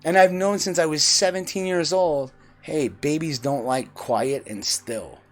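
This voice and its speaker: A man's voice: a little high, measured pace. Blunt, cursing man ranting. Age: 40s. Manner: blunt, profane, preachy. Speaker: vlogger. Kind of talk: opinionated monologue.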